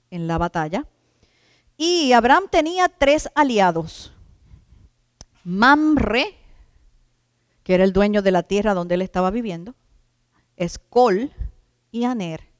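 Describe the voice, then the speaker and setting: Woman preacher, emphatic sermon, smooth clear voice, dry close sound. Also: mid-range voice, lively intonation, no room sound, big-room sound. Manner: emphatic, drawn-out stresses on key words; addresses the congregation as brothers.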